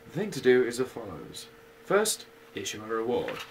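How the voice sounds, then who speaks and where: A man's voice: mid-range voice, huge pitch swings, normal speed, a little hiss or hum, poor audio. A man voicing a pompous, wordy old male owl in a bedtime story, formal and self-assured. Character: pompous wise old male owl, fond of long words.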